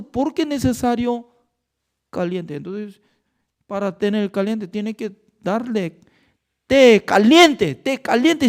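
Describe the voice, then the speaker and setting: Un pastor con acento coreano, de lengua materna coreana, que enseña un estudio bíblico con énfasis y preguntas retóricas. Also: male voice, extremely high pitch. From Korea. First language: Korean. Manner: emphatic, with rhetorical questions and non-native grammar. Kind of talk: Bible study teaching.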